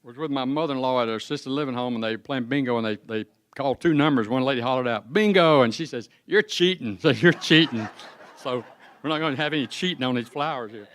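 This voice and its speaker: A man in his seventies emceeing a class reunion in a school cafeteria, calling raffle numbers slowly in a folksy, joking way. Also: mid-range voice, clear, resonant tone, no echo. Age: 70s. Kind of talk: casual event announcing.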